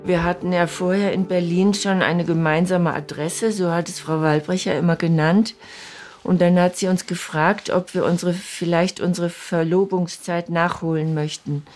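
A woman's voice: on the low side, steady tone, moderate pace, darkish tone, soft background music. An older woman in her sixties, interviewed and recalling memories in a reflective, slightly hesitant way.

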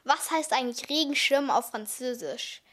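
A woman's voice: sits high, moderate pace, a bit bright. A woman reading out quiz questions in a sing-song questioning manner.

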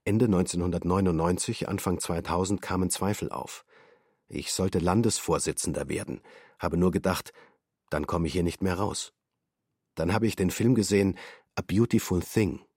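Guy voicing a quiet defendant in a radio drama, low husky voice, short clipped sentences, dry sound. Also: normal speed, no room sound. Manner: clipped, terse testimony. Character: male defendant in his thirties, subdued and matter-of-fact. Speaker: voice actor. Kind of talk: documentary radio drama reading.

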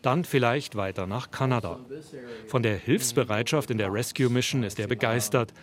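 Measured male news narrator. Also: mid-range voice, a crowd in the background. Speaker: news reporter.

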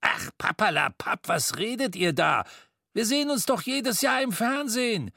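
A man voicing a skinny, croaky old Scrooge in a storybook reading, talking in a high, shrill and animated way. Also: moderate pace, dry recording, clean studio sound, heavily acted. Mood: cheerful. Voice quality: croaking, rasping.

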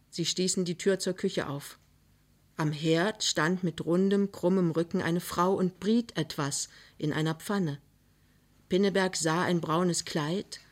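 A woman narrating a novel for radio in a measured, expressive way. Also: fairly low pitch. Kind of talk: literary reading for radio.

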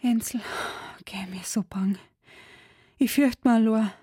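A woman's voice: on the low side, takes it slowly, warm tone, husky, dry recording, studio quality, full character voice. A woman voicing a sick, frail, lonely young girl in dialect, speaking weakly and half-whispered. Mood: frightened.

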